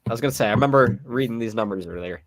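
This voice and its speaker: Here the young man's mid-range voice races along as he leads a laid-back podcast conversation. Though he comes across as sick and drained, he guides the segment with an easy manner.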